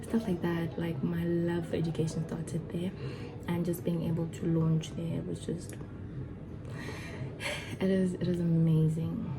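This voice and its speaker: Young woman vlogger, low even voice, nervous chatty delivery, music bed. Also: unhurried, pauses often, poor audio. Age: 20s. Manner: chatty, excited, nervous, with many fillers and restarts. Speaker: vlogger and foundation founder. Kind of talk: casual talk to camera.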